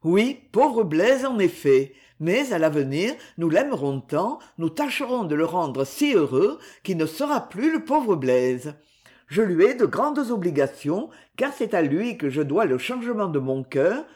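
A narrator reading a classic novel as an audiobook in a measured, expressive way. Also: mid-range voice.

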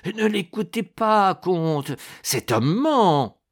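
A man voicing a fierce, violent monk who shouts in strained high cries. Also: very animated, extremely slow, heavily acted. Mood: pleading.

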